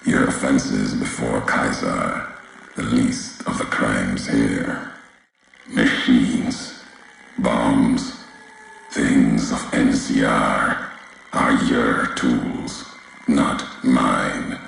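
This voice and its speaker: Ulysses, an extremely deep, gravelly wasteland courier. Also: male voice, a bit bright, a little hiss or hum, full character voice. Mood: accusing, grim. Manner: slow, solemn, cryptic, deliberate pauses between short phrases. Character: grave, brooding wasteland courier and ex-legion tribesman. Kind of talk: dramatic video game dialogue.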